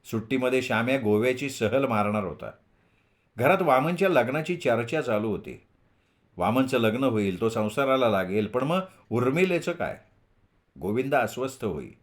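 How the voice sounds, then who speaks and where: A man reading a novel aloud as storyteller, in a steady narrative manner. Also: mid-range voice, moderate pace.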